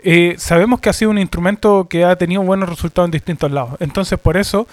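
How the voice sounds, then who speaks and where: High-pitched man hosting a radio interview, halting question style. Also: steady tone, dry recording. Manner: hesitant, many fillers and restarts while framing questions. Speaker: radio show host.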